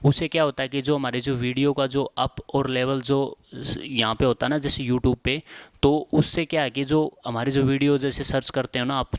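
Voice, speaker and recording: A young man teaching an exam-prep lesson in a chatty way, often repeating key terms slowly for students to write down and tagging phrases with fillers. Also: mid-range voice, steady tone, dry recording. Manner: frequent filler tags at phrase ends.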